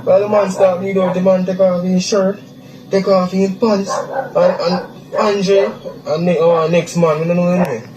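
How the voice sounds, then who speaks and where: A young man with a Jamaican accent gives a halting eyewitness account, repeating words and slipping into patois. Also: high-pitched, little pitch movement, crowd noise. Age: young adult. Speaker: eyewitness interviewee. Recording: echoey, distant, noisy outdoor interview.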